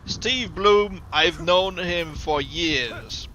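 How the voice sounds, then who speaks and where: Slow, halting male game commentator. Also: fairly high pitch, animated, bright, forceful tone, a little hiss or hum, poor audio. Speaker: game streamer. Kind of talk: casual gameplay commentary.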